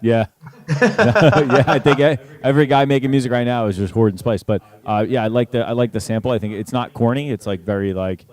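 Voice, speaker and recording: A man's voice: mid-range voice, fast, few pauses, crowd noise. A young man co-hosting a podcast in casual chat, laid-back and peppering his talk with "like" and "dude". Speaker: podcast co-host.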